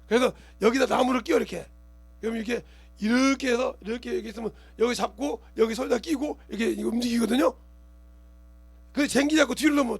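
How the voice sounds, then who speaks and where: High, gravelly-voiced pastor preaching fast. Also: male voice. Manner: colloquial preaching, keeps asking the congregation if they understand; animated, acts out scenes with gestures and quoted voices. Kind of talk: sermon.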